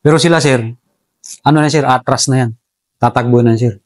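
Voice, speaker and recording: A man's voice: medium pitch, fairly even intonation, a little fast, no room sound. Respectful soldier man, dry close sound. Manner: respectful, says "sir" constantly. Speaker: soldier recounting enemy tactics. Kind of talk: casual interview storytelling.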